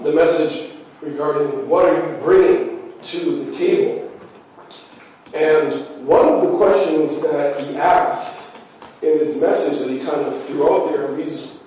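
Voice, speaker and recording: A man preaches in a church sanctuary, his voice nasal and stuffy from allergies, speaking conversationally and leaning heavily on "you know." His voice is a little high with a dark tone, and the dull audio comes from far off in a very echoey church.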